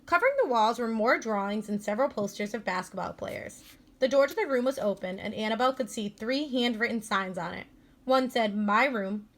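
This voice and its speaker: Woman schoolteacher, read-aloud narration of a kids' novel, clear and even, a touch high. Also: fairly quick. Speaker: elementary school teacher. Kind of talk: reading a children's book aloud.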